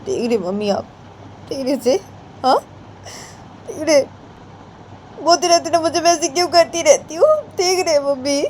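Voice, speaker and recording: A harsh young mother hurls shrill, shouted threats at her child, voiced by a woman storyteller. The voice is pitched high and loud, strained with anger, in a homemade spoken drama. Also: moderate pace, long pauses, a little hiss or hum, close to an everyday voice. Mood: complaining.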